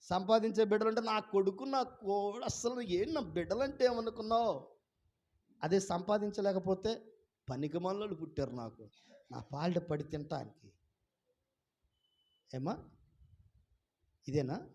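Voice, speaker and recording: A male pastor with a high-pitched voice preaches to his congregation. He keeps firing questions at them and pressing them to call out their answers. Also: measured pace, long pauses. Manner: fires rhetorical questions at the congregation; urges listeners to answer loudly. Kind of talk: sermon. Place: church before a congregation.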